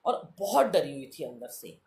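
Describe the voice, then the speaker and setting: A woman's voice: sits low, very animated, moderate pace, mellow. A middle-aged woman sharing her own devotional testimony as a story, often calling out to the listeners and acting out the people in it. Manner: repeatedly addresses listeners as sangat ji, acts out quoted dialogue.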